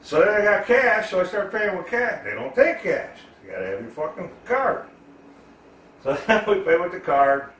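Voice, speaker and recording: A man's voice: high-pitched, sing-song, moderate pace, a little hiss or hum. Profane rambling man, roomy distant sound. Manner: profane, rambling, loud storyteller. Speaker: cooking vlogger. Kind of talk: casual storytelling while cooking. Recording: echoey room, voice far from the mic.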